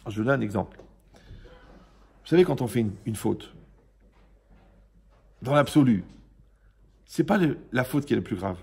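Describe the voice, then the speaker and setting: Male rabbi, informal religious lesson to a live room; gravelly tone, jokey, conversational teacher. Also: medium pitch, lively intonation, measured pace, pauses often, darkish tone. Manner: joking, conversational, quizzes the audience.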